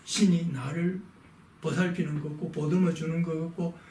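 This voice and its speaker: A man's voice: on the high side, fairly even intonation, normal speed, dark tone. A man reading a text aloud and explaining it in a lesson, asking his listeners rhetorical questions and moving on with short prompts. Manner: rhetorical questions, frequent "자" to move on. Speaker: lecturer on philosophy. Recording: echoey room, mic at a distance.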